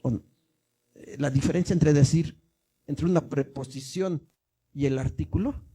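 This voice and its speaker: A man's voice: on the high side, a little slow, dark tone, slightly rough. A male minister giving a teaching sermon, explaining step by step and often asking the congregation if they follow. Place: church.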